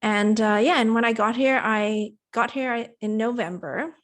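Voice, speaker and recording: A woman's voice: fairly high pitch, a little slow, a bit bright. Chatty woman telling her story. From Indonesia and Australia. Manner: chatty, rambling storytelling with many fillers. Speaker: TV producer, interview guest. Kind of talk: casual interview.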